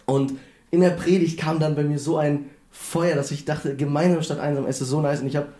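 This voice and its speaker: Young man with roomy, mellow voice. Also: fairly high pitch, fairly even intonation, fairly quick. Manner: enthusiastic, youthful slang. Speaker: podcast co-host.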